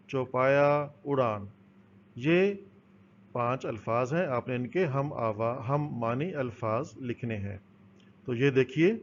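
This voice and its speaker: Patient male teacher, lo-fi recording. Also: medium pitch. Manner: explains patiently, asks and answers own questions. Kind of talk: recorded school lesson. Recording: dull, lo-fi with faint noise.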